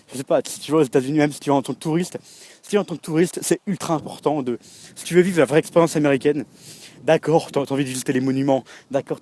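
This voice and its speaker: A young man from France talks straight to his viewers in a loose, rambling vlog chat. He restarts sentences, fills gaps with hesitations and keeps slipping in little laughs. His pitch sits in the middle for a man. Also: darkish tone. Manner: rambling, full of fillers and restarts, addresses the viewer directly; laughs often while talking. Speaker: vlogger. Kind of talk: casual chat to camera.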